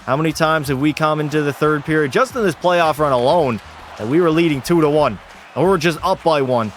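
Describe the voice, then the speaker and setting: A young man hosting a gaming channel, giving play-by-play commentary and swinging from calm calls to swearing outbursts. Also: a little high, a little fast, faint music behind, some chatter behind.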